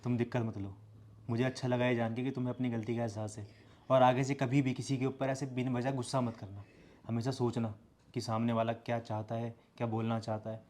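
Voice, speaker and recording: A man acting a gentle husband in a short drama who reassures his upset wife. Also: medium pitch, level tone, fairly quick, close to an everyday voice. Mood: consoling. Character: calm, kindly husband consoling his wife.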